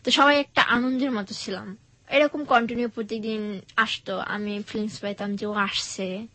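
Soft-spoken young woman. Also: mid-range voice, steady tone, normal speed, no room sound. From Bangladesh. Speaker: guest. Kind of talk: personal storytelling in an interview.

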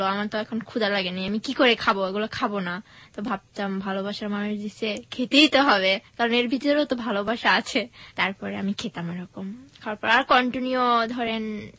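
A nineteen-year-old woman, telling her personal story as a guest, soft and hesitant in manner. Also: a little high, moderate pace, no room sound. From Bangladesh.

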